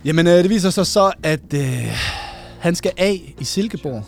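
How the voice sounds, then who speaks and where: A man co-hosting a casual chat, telling an animated story with plenty of laughs. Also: on the high side, vocal fry, soft background music. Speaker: podcast co-host.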